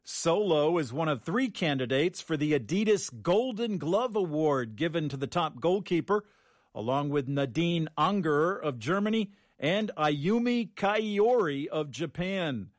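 A man works as a radio news reader, delivering script in a measured, formal way. His voice sits a little high and is recorded close and dry. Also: expressive, dry recording.

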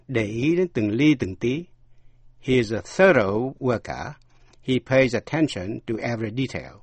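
Male teacher, slow and measured, a husky dry voice, spells words out for learners. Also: mid-range voice, no room sound. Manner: spells words letter by letter, then translates. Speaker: English teacher. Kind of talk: slow spelled-out vocabulary lesson.

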